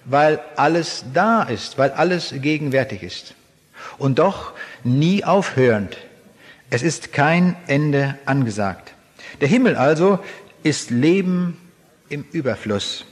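A man preaching a sermon in an earnest, deliberate way, slowing down to stress the scripture he quotes. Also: on the high side. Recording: long reverb of a large hall.

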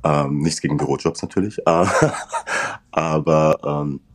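A man with a very deep bass voice, chatting thoughtfully and modestly as a guest in a casual interview. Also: fairly even intonation, unhurried.

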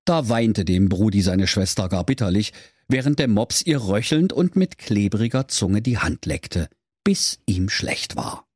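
A man's voice: on the low side, lively intonation, moderate pace, darkish tone, no echo, clean studio sound. A man narrating a parody fairy tale in a mock-solemn storytelling tone. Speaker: radio comedian.

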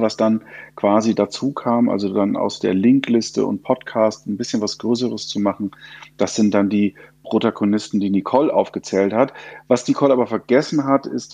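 A man's voice: on the low side, moderate pace, warm tone, no room sound. A man talking in a casual podcast conversation, explaining with frequent fillers. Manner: gravelly, hesitant with fillers. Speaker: podcast guest, co-host of finance podcast. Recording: dry and dull, lo-fi.

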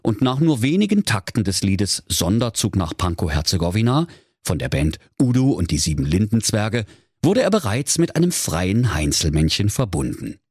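A man's voice: on the low side, sing-song, moderate pace, darkish tone, slightly rough, no room sound. A man narrating a comic fairy-tale audiobook in a dry, wry way.

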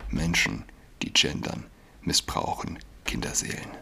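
A man delivering an agitated, indignant monologue, dropping to hushed whispers and rising to loud outbursts. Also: a little slow, a little hiss or hum. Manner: ranting, indignant.

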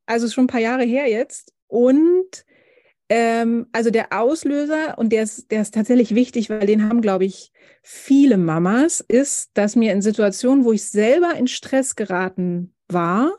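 A woman in her thirties speaks as a podcast guest, working her thoughts out slowly with many restarts. Her voice is mellow and a little high, and the sound is close and dry. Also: no room sound. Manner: thoughtful, halting with many repeated starts. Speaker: podcast guest, family counselor. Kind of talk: casual podcast conversation.

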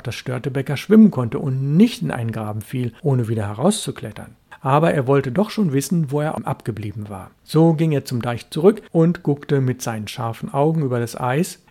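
A man reading a classic story aloud as narrator of a literature podcast, in a measured storytelling manner. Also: medium pitch, lively intonation, warm tone, breathy edge.

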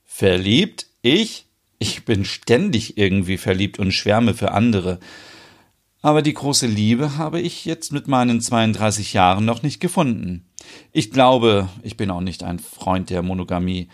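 A man's voice: lowish voice, expressive, unhurried. A man playing a grumbly, teasing man in his thirties in an audio soap. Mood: chatty. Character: 32-year-old man, grumbly, teasing, fond of bearded men.

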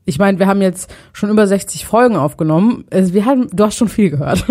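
A woman co-hosting a casual podcast, leading a guessing game with a teasing, easygoing manner. Her voice sits at a middling pitch and her talk stays conversational. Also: expressive, fast, warm tone. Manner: playful, teasing quizmaster. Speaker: podcast co-host. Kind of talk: casual chat, running a quiz game.

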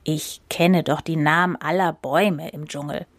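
A woman voicing a haughty, self-proud male elephant in a storybook reading, with a lowered, self-satisfied voice. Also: steady tone, normal speed, no echo.

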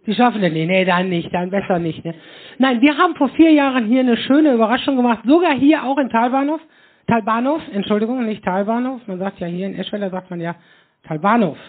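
A man's voice: very high voice, fast talker. A man hosting a live podcast on stage, talking in a rambling, chatty way and tagging his sentences with "ne?". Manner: rambling, constant tag questions "ne?". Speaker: host of a live podcast show. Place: hall with a live audience. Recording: muffled phone-like live recording.

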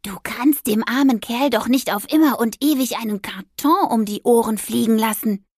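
A woman's voice: fairly high pitch, normal speed, a little mellow, slightly rough, dry recording, clean studio sound. A woman voicing a cheeky, sceptical talking tomcat in an audio story, grumbling in a half-whisper. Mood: worried.

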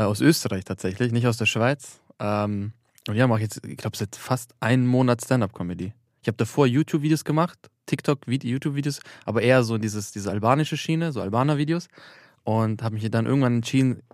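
A man's voice: mid-range voice, fairly quick, a little mellow, no room sound, studio quality. A man in his twenties from Austria, a student and new comedian, chatting eagerly and telling stories. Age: 20s. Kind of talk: casual podcast chat.

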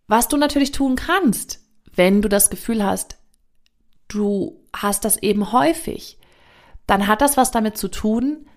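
A woman's voice: medium pitch, measured pace. A woman hosting her own podcast, talking in a frank, reflective self-help monologue with the odd casual swear. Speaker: podcast host.

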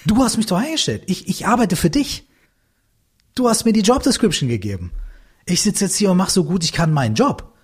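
A man's voice: high voice, big pitch swings, fairly quick, breathy edge, voice pushed up, exaggerated voice. A man voicing a weary male office clerk who shrugs off blame, exasperated. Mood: puzzled.

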